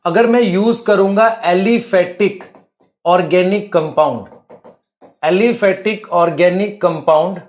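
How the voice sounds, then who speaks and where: This man teaches biology at the board in a slow, high-sitting voice. Rhetorical questions are his way of quizzing the students, whom he calls beta and bhai.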